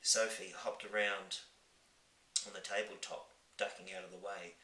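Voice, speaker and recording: Man reading a storybook, bright tone. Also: deep voice. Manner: measured, expressive narration. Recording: roomy, from a distant mic.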